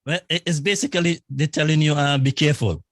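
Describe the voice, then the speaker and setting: A man with a Vincentian accent in casual radio conversation, explaining things in a measured way. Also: on the high side, fairly bright tone, no echo, studio quality. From Saint Vincent and the Grenadines.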